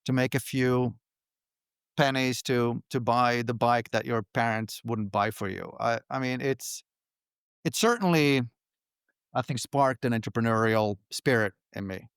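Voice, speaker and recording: A middle-aged man from Finland, answering interview questions in a relaxed, halting way with frequent restarts. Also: medium pitch, clean tone, dry recording, clean studio sound. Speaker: podcast guest, company founder.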